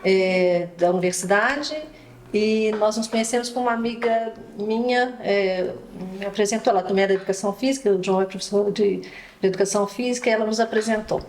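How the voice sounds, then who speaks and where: A woman from Minas Gerais in Brazil, telling her story in a relaxed way as an interview guest. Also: mid-range voice, a little fast. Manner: relaxed storytelling with small restarts. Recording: roomy echo, faint noise.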